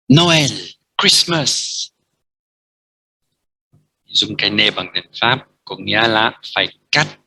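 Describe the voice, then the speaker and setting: A man with a Vietnamese accent teaching a French lesson, speaking slowly and repeating letters and words as he explains. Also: fairly low pitch, vocal fry, sharp tone, dry recording, low-quality recording. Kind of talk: language lesson, explaining at a board.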